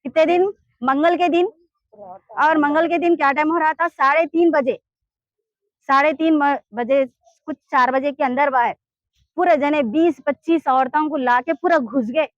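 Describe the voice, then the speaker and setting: A woman's voice: high voice, a little slow, no echo, highs cut off. A woman with a Hyderabadi Urdu accent, giving an urgent, pleading complaint in a street interview. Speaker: interviewee in a land dispute.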